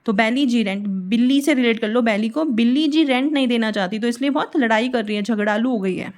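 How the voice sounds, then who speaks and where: A woman's voice: a little high, brisk. A woman teaching vocabulary, explaining words with memory tricks and spelling them out patiently.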